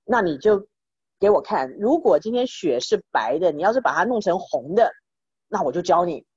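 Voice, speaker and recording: A woman's voice: lowish voice, expressive, normal speed, darkish tone, slightly rough, no echo. Bodhidharma, as a woman storyteller voices a stern old monk. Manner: blunt, testing, speaking in quoted dialogue. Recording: dull, dry lo-fi recording.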